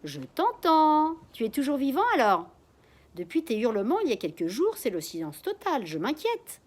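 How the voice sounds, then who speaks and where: A woman's voice: high-pitched, sing-song, normal speed, voice pushed up. A woman voicing a quavering, gossipy old man neighbor who talks indignantly through a wall. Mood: worried.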